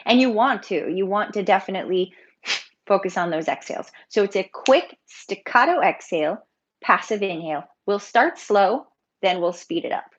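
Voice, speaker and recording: A woman's voice: mid-range voice, lively intonation, normal speed, dull audio. A woman yoga teacher leading a live online breathing workshop, talking in a chatty, informal way and laughing often.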